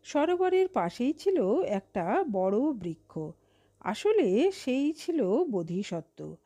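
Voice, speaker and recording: A woman narrating a moral fable in an unhurried, expressive storytelling manner on a close mic. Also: on the high side, no room sound.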